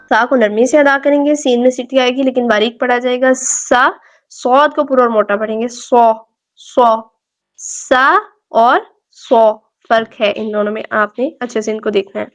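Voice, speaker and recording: A woman's voice: a little high, no echo. Woman teaching tajweed in a patient, repetitive manner. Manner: patient, repeats each point, models letter sounds slowly and drawn out. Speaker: Quran recitation teacher. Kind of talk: tajweed lesson. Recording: dull lo-fi recording.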